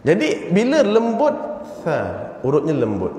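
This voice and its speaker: Slow-talking Malay teacher in an echoey mosque. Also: male voice, fairly high pitch, wildly swooping pitch, mellow. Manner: chatty teaching, chants Quranic phrases to demonstrate. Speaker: religious teacher. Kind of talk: mosque evening lecture. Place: mosque hall.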